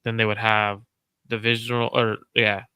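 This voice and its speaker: A man hosting a casual sports chat, analytical and measured, repeating his main points. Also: fairly low pitch, little pitch movement, bright, forceful tone, smooth, dry recording. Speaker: host.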